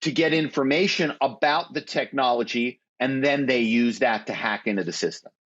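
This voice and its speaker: A man of medium pitch and a slightly bright tone speaks at normal speed. He is a former corporate spy appearing as a guest in a conversational interview, explaining with phone-call anecdotes how phone tricks lead people to reveal information.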